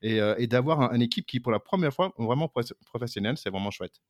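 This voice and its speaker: A man's voice: medium pitch, lively intonation, quick pace, dry recording, studio quality. A middle-aged American man co-hosting a casual podcast in his second language, with many fillers and restarts. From United States. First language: English. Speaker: podcast co-host.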